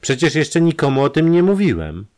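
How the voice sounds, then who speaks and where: A man's voice: on the high side, big pitch swings, normal speed, a little mellow, voice pushed up. A man voicing a cold, evasive young suitor in an audiobook, answering in curt, dry replies. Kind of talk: audiobook character reading.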